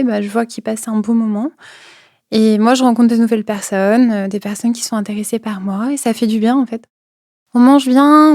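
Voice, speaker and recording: A woman's voice: a little high, darkish tone, no room sound, clean studio sound. A young woman recounting a personal experience, hesitant, with many fillers and repeated words, sometimes dropping to a near whisper. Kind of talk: personal testimony.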